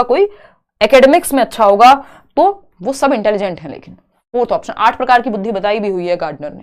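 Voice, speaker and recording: Woman, exam prep teacher, higher voice, asks and answers her own questions. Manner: explains questions step by step, asks and answers herself. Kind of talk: online lecture.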